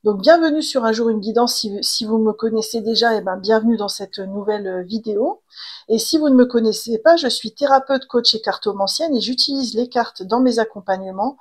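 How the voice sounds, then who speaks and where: A woman's voice: fairly high pitch, brisk. A woman doing a tarot reading to camera in a chatty way, full of fillers and restarts. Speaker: tarot reader and coach.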